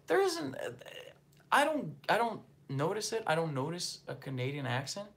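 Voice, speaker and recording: A high, gravelly yet fairly bright male voice makes huge pitch swings at a moderate pace while hosting a casual livestream and reading viewer comments. The host comes from northeastern Brazil, speaks Portuguese natively with a slight Brazilian accent, and talks in a loose, rambling, filler-heavy manner.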